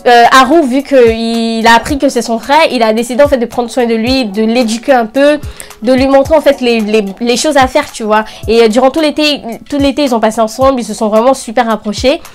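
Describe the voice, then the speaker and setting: Chatty, enthusiastic young woman, higher-pitched voice. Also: fairly even intonation, brisk, faint music behind. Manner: chatty, enthusiastic anime fan; informal youth slang. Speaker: anime review channel host. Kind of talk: casual video recommendations to camera.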